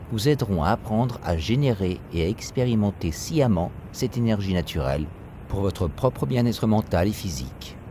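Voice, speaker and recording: A man reading a scripted guided meditation, giving calm, measured instructions. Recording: steady rumbling noise behind voice. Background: ocean wave sounds.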